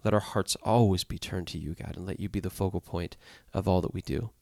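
A man's voice: sits low, a little fast, creaky, darkish tone, dry recording, clean studio sound. A man hosting a podcast, leading an earnest closing prayer and sign-off in a stuffy, nasal voice. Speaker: podcast host.

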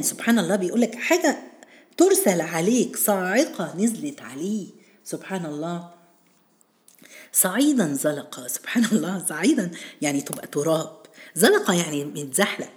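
A woman with an Egyptian Arabic accent giving an Islamic lesson, speaking animatedly and quoting verses softly, almost in a whisper. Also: fairly low pitch. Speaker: religious teacher.

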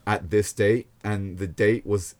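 Animated young man telling stories. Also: lowish voice, a little slow. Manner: animated storyteller, swears a lot. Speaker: podcast co-host. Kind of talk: casual crude chat.

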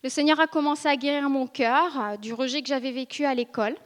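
A woman in her thirties from northern France gives her testimony to a church audience in a high voice with fairly even intonation. Earnest and hesitant, she pauses and restarts often while the hall adds a long reverb. She's seated and filmed for video in a church ministry school meeting room.

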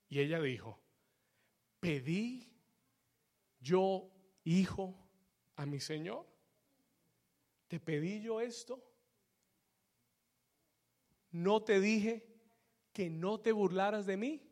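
A male pastor preaching a fervent sermon, swelling to shouts and calling the congregation for amens. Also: high-pitched, lively intonation, slow pace, long pauses.

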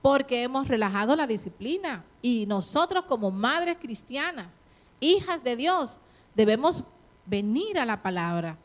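A middle-aged woman preaches a sermon in a high-pitched, sing-song voice, a little slow. She urges her listeners on, asks them direct questions, and now and then acts out other people's quoted words.

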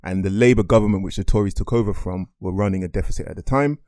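Fast-talking man hosting a podcast. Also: on the low side, warm tone, dry recording, clean studio sound. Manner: joking, explains in plain terms. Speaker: podcast co-host. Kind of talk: casual finance podcast chat.

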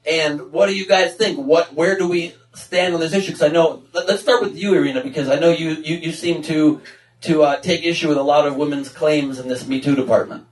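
A man hosting a comedy panel, posing brisk leading questions with a sardonic edge. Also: fairly high pitch. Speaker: host. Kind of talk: moderating a comedic panel discussion. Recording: roomy sound from a distant mic.

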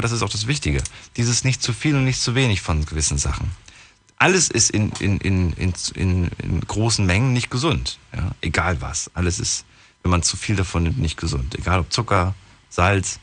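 A man's voice: fairly low pitch, a bit bright. A young man hosting a casual radio call-in show, reading listener emails aloud and chatting with callers.

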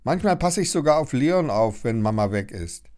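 A man voicing a lively, bossy young girl in a storybook reading. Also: mid-range voice, moderate pace, lightly acted. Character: spirited young girl, quick-tempered but fond.

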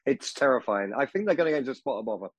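A British man with a medium-pitched voice, recorded dry with no room sound. He banters as a football podcast co-host, teasing and giving blunt, colloquial opinions. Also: lively intonation, very fast, dry recording, lo-fi sound.

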